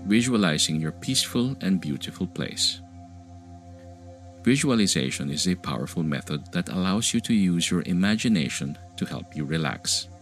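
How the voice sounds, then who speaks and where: A man guiding a meditation in a slow, soothing sleep-story style, with gentle, unhurried and calming instruction. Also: low voice. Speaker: meditation podcast host and guide. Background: music behind the voice.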